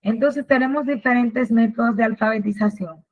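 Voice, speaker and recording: A woman's voice: fairly high pitch, moderate pace. A woman presenting a literacy workshop in a webinar lecture, patiently explaining and asking and answering her own questions. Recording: tinny phone-like webinar audio.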